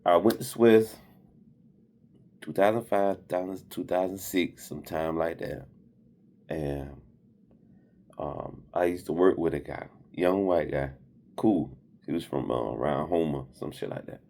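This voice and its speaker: A man's voice: low voice, a little slow, creaky, long pauses, dark tone. A man in his forties who works at sea, giving blunt, rambling safety advice to young sailors in a casual vlog. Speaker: maritime worker.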